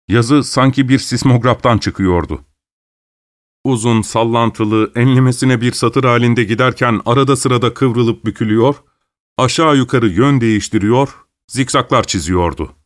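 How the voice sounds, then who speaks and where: Storyteller, man, measured, wry, close and dry sound. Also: mid-range voice, no room sound. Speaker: narrator. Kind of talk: scripted story narration.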